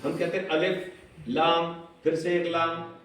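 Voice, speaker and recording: A man teaching a class, switching between Hindi and English, quizzing his students and stretching words out slowly. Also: fairly high pitch, level tone, a bit bright, a little hiss or hum. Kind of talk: classroom lecture. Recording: echoey classroom, far from the mic.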